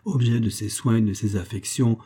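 Dark, husky man reading a story. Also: fairly low pitch, moderate pace. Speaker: audiobook reader. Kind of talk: literary reading.

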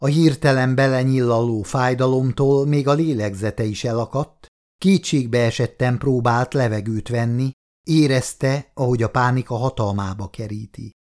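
A man reading an audiobook in a steady, dramatic storytelling manner. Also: mid-range voice. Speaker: audiobook narrator. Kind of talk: scripted audiobook narration.

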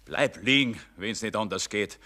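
A man's voice: on the low side, animated, moderate pace, bright, forceful tone. An actor playing a rich man facing death, agitated and brusque, speaking with a Bavarian accent. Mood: anxious. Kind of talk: radio play acting.

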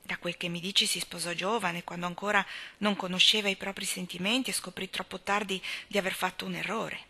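A woman's voice: fairly low pitch, little pitch movement, a little fast, pushed and bright, breathy edge, heavily acted. Teasing young husband, read by a woman. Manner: teasing, judging.

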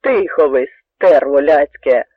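A bold, defiant Cossack warrior, voiced by a man in a radio story, shouting his challenge so the whole troop can hear. The voice is husky with some gravel, and the sound is thin and phone-like, close and dry. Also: a little high, animated, moderate pace, dry recording, exaggerated voice. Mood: menacing. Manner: loud, rousing, threatening shouts. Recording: narrow tinny radio recording, dry.

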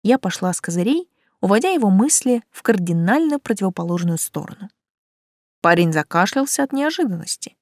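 Animated woman narrating an audiobook. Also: mid-range voice, fairly quick, no echo, clean studio sound. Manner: expressive, animated. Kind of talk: first-person audiobook narration.

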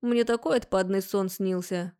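A woman's voice: mid-range voice, fairly even intonation, mellow, smooth, lightly acted. A woman voicing a cheeky, teasing young man who grumbles and jokes in a storybook reading. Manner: mischievous, grumbling, unhurried.

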